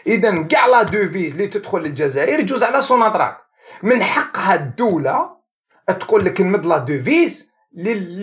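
An Algerian man, an economics professor, explaining things as the guest of an interview, mixing in French and English words. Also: sits high. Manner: animated, mixes French and English terms.

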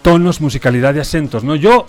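A man from Spain with a softened Spanish accent, hosting a casual talk show and explaining points in a measured way. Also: a little high, expressive, soft background music. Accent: Spanish, softened toward neutral Mexican. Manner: explanatory, measured, often tags "¿no?". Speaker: host. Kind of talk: casual radio-style chat.

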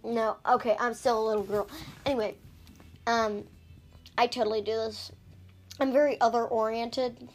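A woman hosts a casual podcast, speaking into an iPad in a fairly high voice roughened by frequent fry. She talks in a loose, rambling way, breaking off mid-sentence and tossing in giggly asides. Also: fairly even intonation, moderate pace, pauses often, faint music behind. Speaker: podcast host recapping books. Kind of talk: casual chat.

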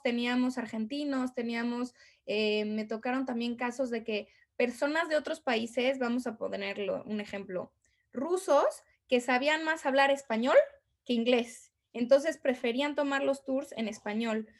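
Appearing on a podcast, a Mexican tour guide talks in a chatty, relaxed conversation, often restarting sentences and filling gaps. She speaks at a normal speed in a fairly high-pitched voice.

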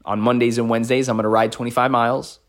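Speaking off the cuff as a life coach on a podcast, this American man in his thirties repeats phrases to drive his motivational points home. He talks fast in a mid-range voice with little pitch movement.

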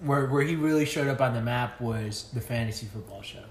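A man's voice: medium pitch, brisk. A man co-hosting a casual podcast chat, talking loosely with plenty of swearing and enthusiasm. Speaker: podcast co-host. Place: apartment room. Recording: echoey room with faint noise.

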